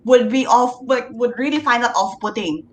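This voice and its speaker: A woman's voice: a little high, animated, moderate pace. A woman chatting casually at a book club in an emphatic, opinionated way. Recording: faint background noise.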